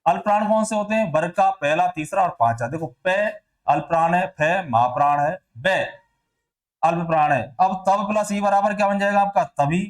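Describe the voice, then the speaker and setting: A man's voice: high voice, normal speed. A male teacher going through test answers, asking questions and answering them himself, and repeating sounds to show how they are said. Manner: repeats sounds and words to demonstrate pronunciation. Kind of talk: exam answer walkthrough lesson.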